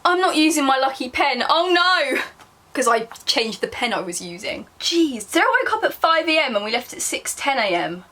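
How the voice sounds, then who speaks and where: A woman's voice: high-pitched, big pitch swings, moderate pace, sharp tone. A young woman with a southern English accent reads her diary aloud casually, embarrassed and self-mocking, breaking off for chatty asides. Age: young adult. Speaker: vlogger.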